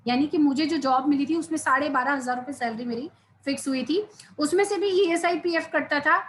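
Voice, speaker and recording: A woman's voice: sits high, slight background noise. A woman, giving an earnest personal testimony at a seminar and speaking straight to the audience. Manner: earnest storytelling, addressing the audience directly.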